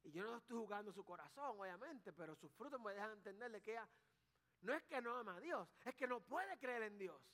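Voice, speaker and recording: A man's voice: sits high, lively intonation, brisk, fairly bright tone, in a large hall. A man preaching a sermon as pastor, mixing folksy sayings with rising emphasis.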